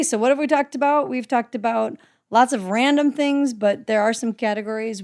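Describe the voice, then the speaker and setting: A native English-speaking woman co-hosts a podcast, chatting casually, offering encouraging advice and laughing a lot. Her voice is mid-range with a darkish tone.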